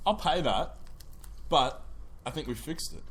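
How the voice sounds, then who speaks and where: An Australian man co-hosting a casual chat, animated, teasing and easily exasperated. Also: a little high, measured pace. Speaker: podcast co-host.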